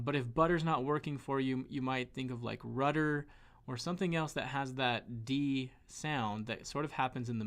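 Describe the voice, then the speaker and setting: A man's voice: medium pitch, fairly bright tone. A man with a Western American accent, teaching a pronunciation lesson with many fillers and restarts. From western United States. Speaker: Spanish teacher.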